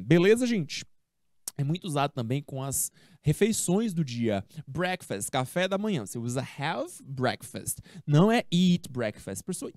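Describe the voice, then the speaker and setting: A woman's voice: low-pitched, a little mellow, no room sound, clean studio sound. A Brazilian woman teaching English, explaining in a chatty way and asking herself her pupils' questions before answering them. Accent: Brazilian Portuguese. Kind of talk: classroom explanation of a text.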